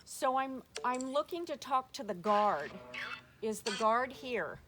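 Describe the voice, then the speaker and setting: A woman hosts a spirit box session as a paranormal investigator, asking spirits questions aloud and often repeating herself. Her voice is fairly high with lively intonation and a slightly slow pace, and the recording is noisy with clicks.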